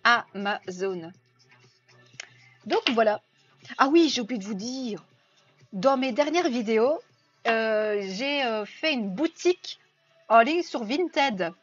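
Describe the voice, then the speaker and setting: A woman's voice: fairly high pitch, lively intonation, slow, pauses often. Chatty Belgian woman on a live stream. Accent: Belgian French. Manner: chatty, reads viewer comments aloud and answers them. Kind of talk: casual live-stream chat. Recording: dull lo-fi sound with faint music.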